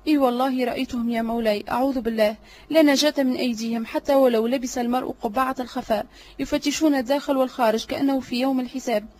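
A woman voicing a cunning, flattering male servant in an audiobook drama reading, obsequious and sly. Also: high voice, racing, lightly acted.

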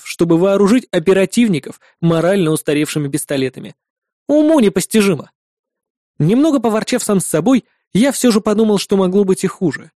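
A man's voice: high-pitched, dark tone, dry recording, clean studio sound. A young man narrating an audiobook in a wry, sarcastic first-person style.

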